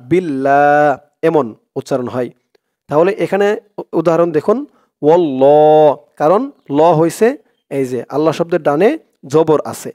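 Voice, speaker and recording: A man teaching Quran reading, explaining each letter and rule, then chanting the verse slowly and drawn out. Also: fairly high pitch, darkish tone, no echo, studio quality. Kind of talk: step-by-step recitation lesson.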